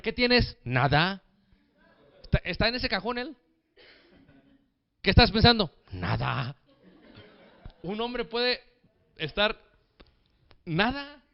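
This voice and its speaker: Lively preacher man, smooth voice. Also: on the high side, no room sound, highs cut off. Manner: lively, jokey, addresses the congregation as brothers. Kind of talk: sermon.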